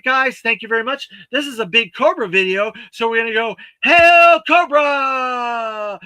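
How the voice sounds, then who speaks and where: A man hosting a toy review livestream, chatting casually and reading viewer comments, halting with many fillers and thanking viewers earnestly. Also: sits high, bright, forceful tone, no room sound. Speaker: toy review show host.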